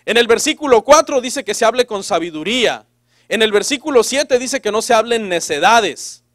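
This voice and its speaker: A man delivers a sermon in a fairly high voice, teasing his listeners with sarcastic jokes. He acts out the people he quotes in changing voices. The sound is dry, with no room echo. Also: lively intonation, normal speed, fairly bright tone. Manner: sarcastic, joking preacher. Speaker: pastor. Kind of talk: preaching a sermon to a congregation.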